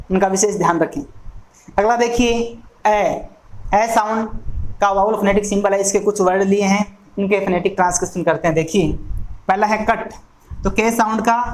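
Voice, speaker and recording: A woman teaching an exam-prep phonetics lesson, going through each sound slowly and deliberately. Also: mid-range voice. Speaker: English teacher. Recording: echoey room with faint noise.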